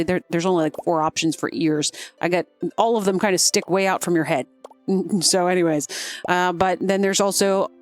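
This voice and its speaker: A woman game streamer giving casual, rambling gameplay commentary with lots of fillers. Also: on the low side.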